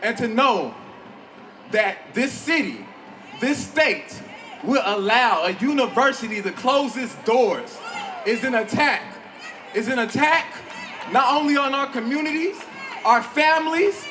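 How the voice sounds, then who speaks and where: A man from Chicago giving an impassioned rally speech, often shouting and repeating phrases for rhetorical effect. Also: very high voice, expressive, unhurried. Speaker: community organizer. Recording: noisy rally with loud crowd.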